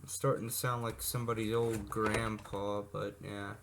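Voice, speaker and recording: This man's fairly low, fairly bright voice has vocal fry and little pitch movement, delivered at a moderate pace. As a hobbyist video presenter, he casually shows vintage electronics in an unscripted, rambling demo with asides and self-corrections, recorded amateurishly with noise and clicks.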